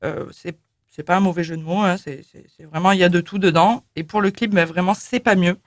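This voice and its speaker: A woman's voice: lowish voice, a little fast, dry recording, clean studio sound. A woman co-hosting a radio show, chatting casually with lots of fillers and laughter. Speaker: radio co-host.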